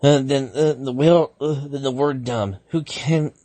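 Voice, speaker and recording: A man's voice: medium pitch, steady tone, measured pace, warm tone, dry recording. A man reading fan fiction aloud, stumbling over words, correcting himself and stopping to react to the text. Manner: stumbling, frequent self-corrections and restarts. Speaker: fanfiction reader.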